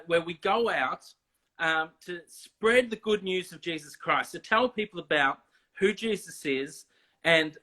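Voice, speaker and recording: A man talking as a guest in a casual video chat, explaining deliberately with many ums and restarts. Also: on the high side, pushed and bright. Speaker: missions guest.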